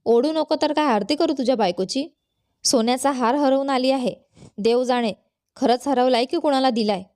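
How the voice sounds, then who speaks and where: A woman's voice: high voice, a little fast, no echo, clean studio sound, natural voice. A woman doing a harsh, scolding mother-in-law. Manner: sharp, accusing scolding.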